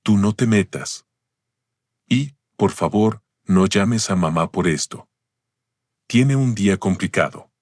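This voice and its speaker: A grown son answers his father in a curt, condescending way, as a male narrator puts him on. The voice is low, and the recording is dry. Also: slow, long pauses, a little mellow, no room sound. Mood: dismissive. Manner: dismissive and condescending. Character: curt, impatient adult son.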